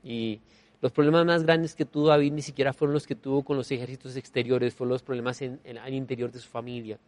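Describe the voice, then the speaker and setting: A man preaching a sermon, emphatic, swinging between soft and loud and repeating key phrases as refrains. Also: mid-range voice, fairly even intonation, fast, no echo. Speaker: pastor.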